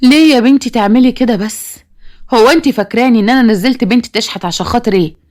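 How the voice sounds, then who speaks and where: A woman's voice: fairly high pitch, racing, darkish tone, lightly acted. Woman reading as a distressed Egyptian father. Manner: pleading, self-justifying. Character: worried divorced father, middle-aged man.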